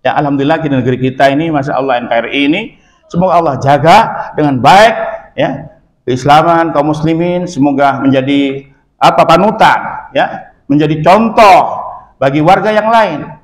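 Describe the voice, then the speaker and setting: A man's voice: on the high side, normal speed. A man from Madura with a Madurese accent, teaching a religious lesson in an emphatic manner and often checking in with his listeners. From Madura, Indonesia. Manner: lively, emphatic, with frequent affirming "ya". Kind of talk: religious lesson explaining a text. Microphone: phone camera.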